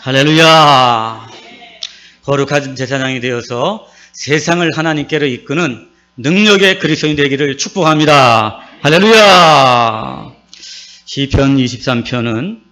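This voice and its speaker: A man with a Gyeongsang accent, a pastor preaching a sermon in a church and calling out to his congregation. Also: medium pitch. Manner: lively preaching with calls to the congregation. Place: church sanctuary. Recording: dull recording with mains hum.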